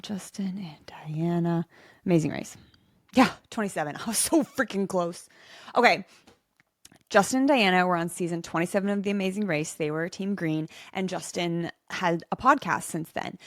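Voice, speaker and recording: A chatty woman hosts her own podcast, talking in a bubbly, excited rush full of little asides. Her voice sits at an ordinary middle pitch. The recording is close and dry, with no room sound. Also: dry recording. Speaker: podcast host. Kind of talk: solo podcast chat.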